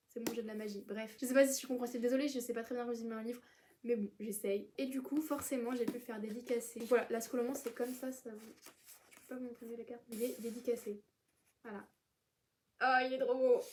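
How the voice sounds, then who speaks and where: Young woman, eighteen, casual rambling vlog chatter, mellow tone, faint noise. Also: fairly high pitch. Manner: chatty, rambling, many fillers and restarts. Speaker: book vlogger. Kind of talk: casual book haul chat.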